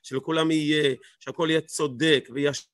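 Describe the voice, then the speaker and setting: A man with a fairly high voice teaches a Torah lesson. He stresses his points by repeating words and firing rhetorical questions. The sound is dry and close. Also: level tone, fairly bright tone, no room sound.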